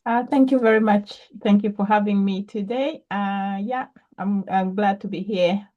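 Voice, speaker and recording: A woman's voice: mid-range voice, moderate pace, highs cut off. A woman from Zambia, a guest entrepreneur, answering interview questions thoughtfully with frequent ums and restarts.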